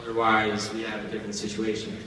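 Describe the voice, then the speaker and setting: A young American man in his early twenties doing amateur live stand-up, rambling and halting as his jokes fall flat. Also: fairly low pitch. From United States, grew up outside Indiana. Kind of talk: live stand-up comedy, joke bombing. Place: stage at a live event. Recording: echoey, noisy hall, recorded from far off.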